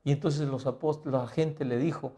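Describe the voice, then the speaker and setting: A male pastor teaching a Bible lesson in the style of a sermon. He keeps asking the listener rhetorical questions and swings between quiet and loud emphasis. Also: mid-range voice, steady tone, brisk.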